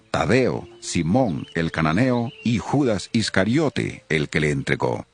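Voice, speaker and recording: A man narrating a Bible reading in a solemn, expressive scripted style. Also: deep voice.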